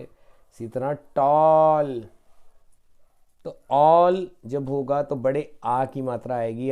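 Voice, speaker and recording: A man teaching children an online phonics lesson on rhyming words, drilling word lists one at a time in a slow, drawn-out way, with a Hindi accent. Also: mid-range voice, dark tone, clear, resonant tone.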